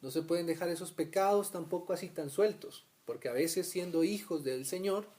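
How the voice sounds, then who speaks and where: Dark-voiced man teaching the Bible. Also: on the high side, normal speed. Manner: asks "¿cierto?" often, acts out little scenes. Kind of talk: conversational Bible study teaching.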